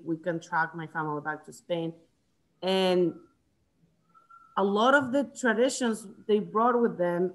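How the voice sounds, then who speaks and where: A woman's voice: lowish voice, rough recording. Woman leading a video-call book club. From Chile. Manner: thoughtful, restarts often, gestures while talking. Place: home room, indoors. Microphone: video call webcam.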